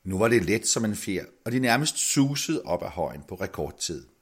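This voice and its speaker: A man narrating a fairy tale with expressive, sweeping intonation. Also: lowish voice, slightly rough. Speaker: storyteller.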